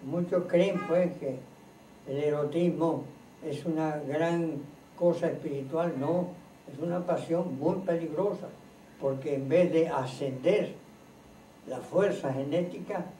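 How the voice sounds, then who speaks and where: A man leads a relaxed spiritual teaching for a small group gathered in a home, speaking very slowly and earnestly. His voice is mellow and sits a bit high for a man. The recording is distant and roomy, with faint background noise. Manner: slow, earnest, preacherly with lists and repetitions. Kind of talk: informal teaching talk to a group. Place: room in a private home.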